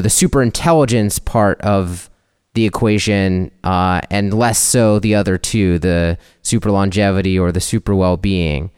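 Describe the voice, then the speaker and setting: Smooth, lowish-voiced male podcast co-host. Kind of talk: conversational discussion.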